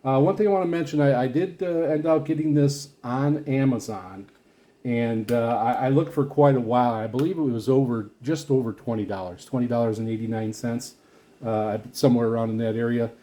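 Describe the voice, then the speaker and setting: A video host reviewing radio gear gives casual, unscripted product commentary in a medium-pitched, dark-toned voice. He rambles haltingly, frequently repeating and restarting his phrases.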